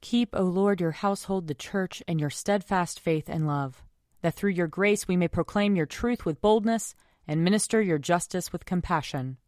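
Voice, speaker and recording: A woman officiant reciting liturgical prayers in measured, solemn phrases. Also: on the low side, darkish tone, dry recording, clean studio sound. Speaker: officiant leading morning prayer.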